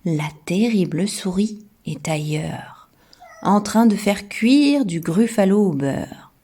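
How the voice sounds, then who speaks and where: Woman playing a sly storybook fox, hushed, breathy, teasing, unhurried, read to a toddler. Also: mid-range voice, expressive. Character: sly male fox teasing a young monster.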